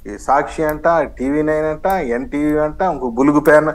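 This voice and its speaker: A man's voice: a little high, fairly even intonation, normal speed, poor audio. Combative man in a TV debate. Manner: combative, sarcastic, mixes in English phrases. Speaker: political party spokesman, debate guest. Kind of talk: heated TV news debate.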